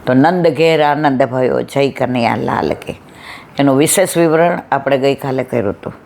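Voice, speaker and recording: A woman's voice: a bass voice, normal speed, creaky, a little mellow, slight background noise. A middle-aged woman giving a devotional satsang talk, telling stories and acting out both sides of conversations. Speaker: satsang speaker.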